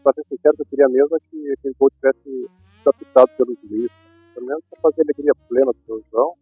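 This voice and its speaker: A man's voice: medium pitch, fairly even intonation, fast talker, breathy edge, dry recording. A man telling an anecdote in a casual, conversational way. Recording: muffled phone-like sound, faint music.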